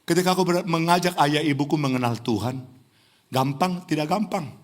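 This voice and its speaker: A middle-aged man from Indonesia preaching a lively sermon in a church, teasing the congregation and rising to near-shouts. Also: a little high, normal speed. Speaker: pastor. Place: church hall.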